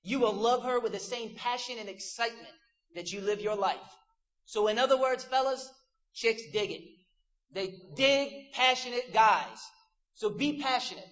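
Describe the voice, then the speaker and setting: A man's voice: extremely high pitch, moderate pace, a bit bright, highs cut off. A man preaching a casual, joking youth sermon to a crowd of teens.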